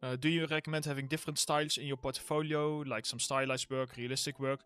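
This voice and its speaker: A man's voice: medium pitch, fairly even intonation, fast, fairly bright tone, smooth, faint music behind. A man with a Dutch accent hosting a casual Q&A livestream, reading viewers' questions aloud and answering loosely with fillers, his throat getting a little sore. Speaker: livestream host, environment art tutor.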